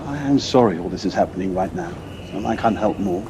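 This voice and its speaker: In an audio play recorded on a personal device, a man plays a calm, supportive husband, speaking in a measured, slightly hesitant, reassuring way. His voice is low and sympathetic, and background noise can be heard.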